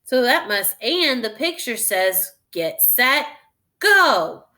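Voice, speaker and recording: A woman's voice sits high and swings widely in pitch as she reads a children's tale aloud. Like a teacher, she thinks out loud and carefully guides her young listeners through the lesson.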